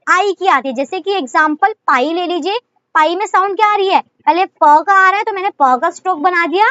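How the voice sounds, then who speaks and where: A woman's voice: very high voice, brisk, fairly bright tone, no room sound, highs cut off. A woman with an Indian accent teaching shorthand in a casual video lesson, explaining step by step and often asking the viewer questions she then answers herself.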